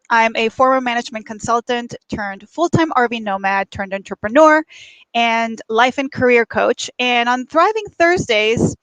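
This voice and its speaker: A woman's voice: fairly high pitch, a bit bright, no room sound, rough recording. A woman from Mexico who works as a life coach, hosting a conversational livestream. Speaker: host, life and career coach. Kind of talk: conversational livestream monologue and interview. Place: at a beach.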